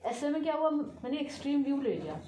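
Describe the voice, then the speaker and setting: A woman's voice: high voice, very animated, fast, warm tone, roomy sound, rough recording. A woman in her thirties from India, a civil servant giving earnest, conversational exam advice. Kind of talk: casual advice talk.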